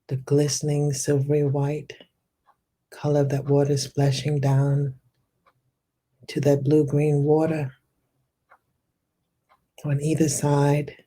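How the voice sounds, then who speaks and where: In a low-quality recording, a meditation guide with a medium-pitched voice leads a guided visualization, gentle, soothing, and unhurried, drawing out the descriptive words.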